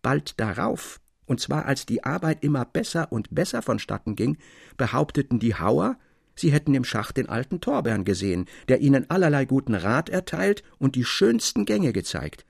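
Male story reader with a dramatic delivery, gravelly voice, dry close sound. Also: mid-range voice, big pitch swings, normal speed, no room sound. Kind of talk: literary audiobook reading.

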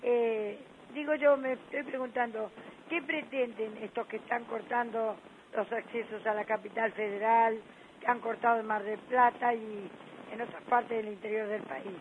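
A hoarse woman calling a radio show, asking indignant rhetorical questions. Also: fairly high pitch. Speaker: radio caller. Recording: tinny phone line, faint hiss.

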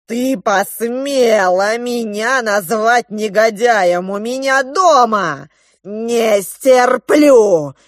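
A woman doing a slow, gloating crab villain. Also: mid-range voice, no echo, clean studio sound, natural voice. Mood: menacing. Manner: slow, loud, drawn-out menacing delivery.

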